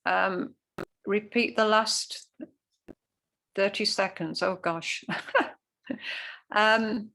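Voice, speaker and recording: A woman's voice: medium pitch, fairly even intonation, very slow, vocal fry, long pauses, pushed and bright, poor audio. A woman who teaches Ayurveda, explaining things earnestly with plenty of fillers during a talk over a video call. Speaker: Ayurveda educator.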